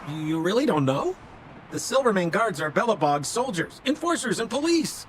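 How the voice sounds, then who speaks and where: At a normal pace, the same kind of high, swooping male voice plays a video game's smooth-talking relic dealer, a theatrical con man. The pitch is glib and confiding, full of wheedling sales talk, over a faint hiss or hum.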